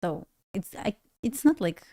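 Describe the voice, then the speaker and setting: Hosting a laid-back trading livestream, a young Belarusian woman whose native tongue is Russian chats with viewers in a Russian accent, breaking into frequent laughter and halting restarts. She has a mid-range voice with wide swings in pitch and a warm tone.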